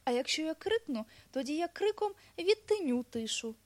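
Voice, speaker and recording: A woman's voice: sits high, sing-song, normal speed, pitched above the performer's own voice. A woman voicing a small earnest hedgehog in a storybook, insistently explaining.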